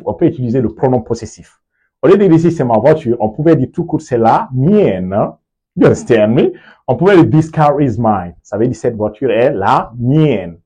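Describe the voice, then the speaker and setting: A man teaching an English lesson in French, drilling words with slow, deliberate repetition and frequent check-ins. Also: mid-range voice, mellow, husky, poor audio. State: sweaty, just came from the sports field. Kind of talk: video lesson, explaining in French with English examples.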